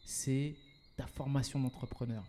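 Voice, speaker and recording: Hesitant man with a mellow voice. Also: medium pitch, fairly even intonation, a little slow, a little hiss or hum. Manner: hesitant, many fillers and restarts, mixes in English words. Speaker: guest, event organizer and entrepreneur. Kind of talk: casual conversational interview.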